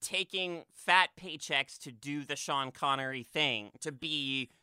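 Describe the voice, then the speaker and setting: A man with a very bright, crisp voice, talking casually about a movie. He is animated and full of fillers and restarts, and his voice is recorded dry, with no room sound. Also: a little high, unhurried, dry recording. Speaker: podcast co-host. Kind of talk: casual film discussion.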